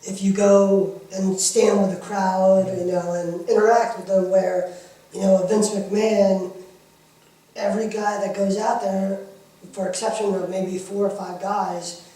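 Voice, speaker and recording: A man's voice: high-pitched, flat delivery, unhurried, mellow. A man chatting casually and informally in an interview, promoting a wrestling show, with frequent filler phrases. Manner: talkative, informal, repeatedly saying "you know". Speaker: independent wrestling worker being interviewed. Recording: very echoey room, distant mic.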